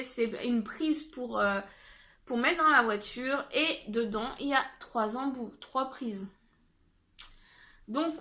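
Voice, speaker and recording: A young woman talks casually through a shopping haul, pausing often on fillers and restarting her sentences. Her voice sits high and sounds bright. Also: slight background noise. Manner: chatty, many fillers and restarts. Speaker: haul vlogger. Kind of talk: casual haul video chat.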